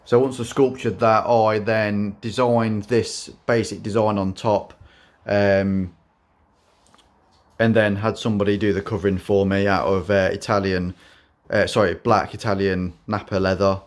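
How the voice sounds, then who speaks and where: A man showing his custom motorbike in a casual vlog, speaking in a self-described monotone with many fillers and restarts. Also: lowish voice, unhurried.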